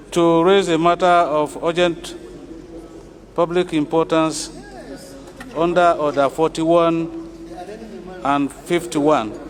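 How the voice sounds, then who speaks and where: A man with a Nigerian accent speaking formally as a senator raising a motion. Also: a little high. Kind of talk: formal parliamentary speech.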